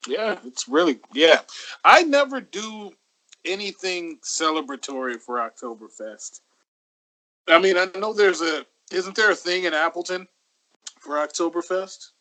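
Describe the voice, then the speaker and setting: A man, co-hosting a casual chat in an easygoing, halting way. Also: high voice, lively intonation, bright, forceful tone. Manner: easygoing, halting, laughs often. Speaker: podcast co-host.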